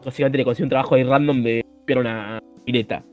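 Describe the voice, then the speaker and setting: A young man with a Rioplatense accent, chatting casually as podcast host, animated and slangy, swearing freely. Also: mid-range voice, racing, soft background music. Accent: Rioplatense Spanish. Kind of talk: casual chat.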